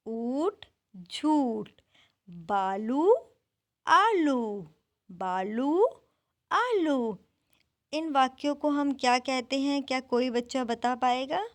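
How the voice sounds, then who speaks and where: A woman teaching a primary school class online, drilling words slowly one at a time. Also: a little high.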